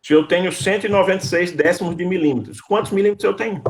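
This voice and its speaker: A male lecturer with a high, gravelly voice, teaching over a video call. He calls on students by name, repeats each question patiently and drills the material step by step. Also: fast, a little hiss or hum. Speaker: university lecturer. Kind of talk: online class, quizzing students.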